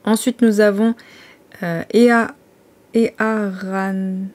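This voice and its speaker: Mellow-voiced woman vlogging casually. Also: mid-range voice, flat delivery, very slow. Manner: chatty, hesitant, many fillers and restarts. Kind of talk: casual vlog chat.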